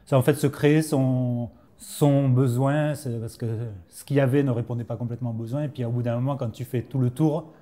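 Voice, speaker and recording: A man chatting as an interviewee, telling stories in a lively, conversational way. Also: mid-range voice, fairly quick. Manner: chatty, storytelling. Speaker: interviewee, teacher and trail builder. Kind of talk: casual interview.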